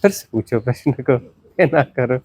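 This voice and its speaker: A man's voice: animated, moderate pace, a little mellow, no room sound. A man, a spiritual teacher, gives a satsang discourse, repeating words and asking rhetorical questions. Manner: repetitive, rhetorical questions, dramatic swings of pitch.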